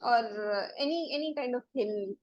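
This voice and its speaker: A woman's voice: fairly high pitch, normal speed, darkish tone, muffled recording. A woman teacher giving a classroom lecture, explaining step by step and often checking that students follow. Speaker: biology teacher.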